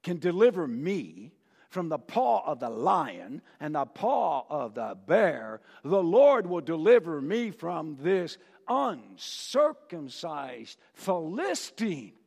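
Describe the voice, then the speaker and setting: A man voicing a brave young shepherd boy who speaks forcefully about his faith, in a church hall with a long reverb. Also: a little high, drawn-out words, pauses often. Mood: bold.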